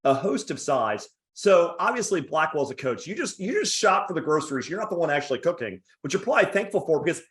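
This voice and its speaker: Man, podcast host, casual sports interview, rapid talk, joking manner. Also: on the high side, very animated, a bit bright. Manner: quick, chatty and joking.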